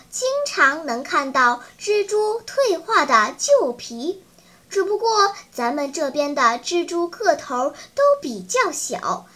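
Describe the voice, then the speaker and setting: A woman storyteller reading a children's story in a slow, sing-song, teacherly manner. Her voice is very high and bright and it rises and falls in lively swings, paced gently for young listeners.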